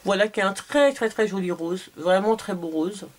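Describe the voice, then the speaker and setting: A French beauty vlogger chats casually through a shopping haul video at medium pitch and normal speed. She sounds hesitant, filling her speech with fillers and repeated words.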